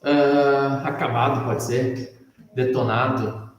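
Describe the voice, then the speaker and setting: A man's voice: medium pitch, steady tone, slow, dull audio. Brazilian man teaching English in an echoey room. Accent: Brazilian Portuguese. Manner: explains patiently, checks understanding with frequent tag questions. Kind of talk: one-on-one English lesson, mixing Portuguese and English. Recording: echoey room, mic at a distance.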